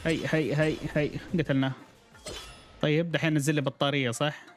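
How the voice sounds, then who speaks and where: A gaming streamer chats casually over his gameplay, reacting aloud and greeting viewers by name. His voice is fairly high with little pitch movement and a slightly fast pace, and faint music plays behind him.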